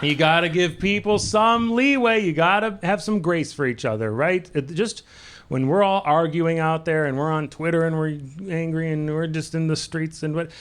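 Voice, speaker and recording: A man's voice: on the high side, normal speed, fairly bright tone, clean tone. A man performing stand-up in a comedy club, playful and self-amused, working the crowd. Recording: live club recording with audience noise.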